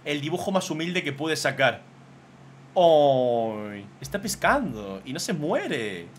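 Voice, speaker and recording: A man, casually commentating on fan drawings as a streamer, excitable and swearing freely. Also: a little high, normal speed, a little hiss or hum.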